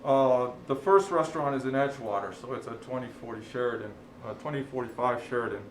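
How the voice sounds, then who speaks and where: A man's voice: medium pitch, fast talker. Restaurant guy from chile, rambly and friendly, lots of ums, echoey studio, bit of hiss. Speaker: restaurant owner. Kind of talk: interview.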